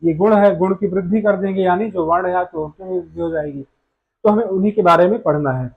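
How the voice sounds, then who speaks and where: A man's voice: sits high, fairly quick, vocal fry, breathy edge, phone-quality sound. A man teaching a grammar lesson, explaining step by step and answering his own questions.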